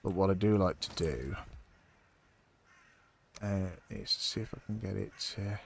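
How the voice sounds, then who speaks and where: A man's voice: sits low, measured pace, creaky, slight background noise. A man streaming a game, chatting casually in a rambling way, swearing often and filling gaps with ums and likes. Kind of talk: casual chat while playing a game.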